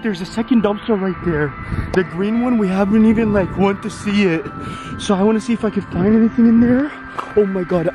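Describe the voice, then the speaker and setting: A YouTuber in his twenties with a high voice narrates an excited vlog, dramatic and gasping, constantly saying "guys" to viewers. He starts outdoors at night, then moves into a room, with loud music playing behind him.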